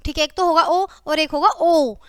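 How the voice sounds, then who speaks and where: A woman's voice: high voice, steady tone, normal speed, dry recording, clean studio sound. A woman teacher giving a grammar lesson to children, constantly saying "okay" and listing example words one by one. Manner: repeats "ठीक है" and addresses "बच्चों" constantly. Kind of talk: classroom grammar lecture.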